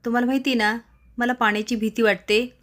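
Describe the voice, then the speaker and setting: A woman's voice: fairly high pitch, steady tone, fairly quick, fairly bright tone, natural voice. A woman voicing a frightened young woman who keeps pleading with her companion. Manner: pleading, anxious.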